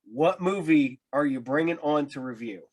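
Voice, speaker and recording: American man, higher-pitched, rambling casual interviewer. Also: lively intonation, normal speed. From Ohio, United States.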